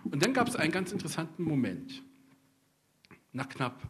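A man's voice: on the high side, sing-song, moderate pace, background noise. A middle-aged man from East Westphalia, a pastor preaching a sermon, telling personal stories with humorous asides and speaking straight to the congregation. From East Westphalia, Germany. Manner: conversational, addresses the congregation directly.

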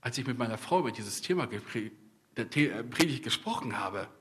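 A man's voice: mid-range voice, lively intonation, fairly quick, fairly bright tone, a little hiss or hum. A middle-aged man from East Westphalia, a pastor preaching a sermon, telling personal stories with humorous asides and speaking straight to the congregation. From East Westphalia, Germany. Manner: conversational, addresses the congregation directly.

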